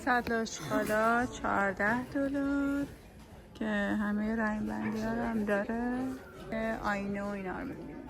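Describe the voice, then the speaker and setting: A woman's voice: mid-range voice, fairly even intonation, music in the background. A woman from Iran chatting casually as she films a vlog on a phone, showing things around her home and a large store. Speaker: vlogger. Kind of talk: casual chat. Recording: echoey room with clear background noise.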